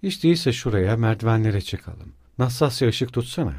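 Guy voicing a pushy loyal young buddy, loud, blunt, lively pitch. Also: moderate pace, no echo, studio quality. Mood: hushed urgent. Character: loyal, blustering young male friend.

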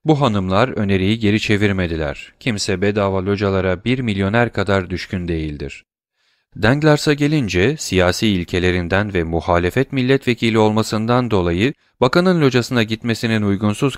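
A man reading a classic novel aloud with a low, measured voice. The recording is dry and close, with no room sound. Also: dry recording. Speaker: audiobook narrator. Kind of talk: scripted narration.

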